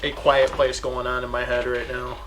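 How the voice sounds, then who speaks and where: A man's voice: mid-range voice, completely flat delivery, normal speed, a bit bright. Male player, hesitant, filler-heavy, casual; faint noise. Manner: hesitant, many ums. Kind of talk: casual tabletop play.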